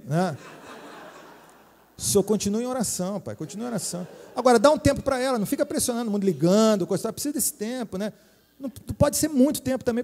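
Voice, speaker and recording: A middle-aged pastor from Brazil delivers a chatty, joking sermon with a Brazilian Portuguese accent, constantly checking in with the congregation using tag questions. His voice is high and warm, and the church hall adds reverb.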